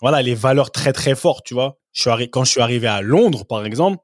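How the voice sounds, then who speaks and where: A man's voice: mid-range voice, animated, fast talker, no echo, clean studio sound. A man who is a former professional footballer, a guest telling anecdotes in a casual podcast chat and often adding "tu vois".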